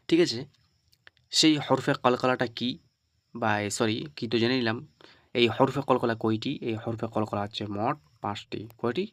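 A man teaching a Quran recitation lesson who asks the listener questions and answers them himself, spelling letters out slowly and repeating them. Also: medium pitch, no room sound. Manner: slow and repetitive, spelling out the letters one by one. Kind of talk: online tajweed lesson.

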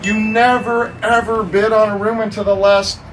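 A middle-aged man hosting a storage-auction video, explaining tips in an animated, gesturing way outdoors at a metal storage unit. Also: high voice, normal speed, a crowd in the background, poor audio. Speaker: storage unit reseller and host. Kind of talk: casual on-camera explaining. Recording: noticeable outdoor background noise.

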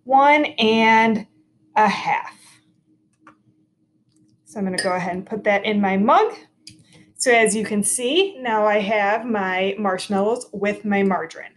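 With slight background noise and long pauses, this woman in her thirties teaches kids to cook from her home kitchen, captured by a laptop camera across the counter. She is cheerful, clear and instructive, speaking in a mid-range voice at a measured pace.

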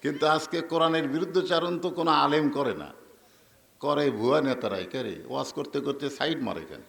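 A man's voice: fairly high pitch, brisk, creaky, a bit bright. A man with a Bangladeshi Bengali accent preaching a waz sermon, telling stories and asking the crowd to answer back. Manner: storytelling, asks the crowd for responses. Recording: echoey hall with long reverb.

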